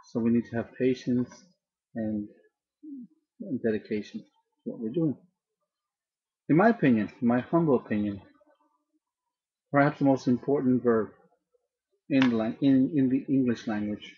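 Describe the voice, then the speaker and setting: A man teaching a grammar lesson slowly and patiently, often repeating and restarting his phrases. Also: mid-range voice, breathy edge. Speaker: language teacher. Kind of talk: slow, deliberate grammar lesson. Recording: dull lo-fi recording.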